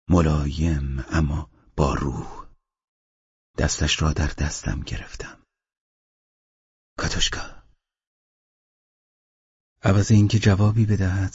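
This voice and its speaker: A man narrating a literary audiobook in a calm, measured reading voice with a husky tone. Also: very deep voice, no echo, highs cut off.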